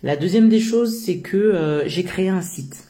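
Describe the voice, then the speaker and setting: A woman's voice: on the low side, lively intonation, a little slow, warm tone. A middle-aged woman from France answers interview questions about her work, earnest and hesitant, with many filler sounds. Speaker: founder of a social work business.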